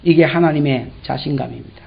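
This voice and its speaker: A man's voice: on the high side, a little fast, gravelly, breathy edge. A man preaching an expository sermon as a pastor, in a folksy, joking way with a Gyeongsang accent, acting out the dialogue. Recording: dull lo-fi church recording.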